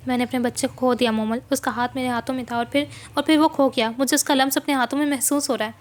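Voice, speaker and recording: A woman's voice: high-pitched, steady tone, fast talker, natural voice. A woman voicing a desperate young mother who pleads for help to find her lost son. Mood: grieving. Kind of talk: novel reading.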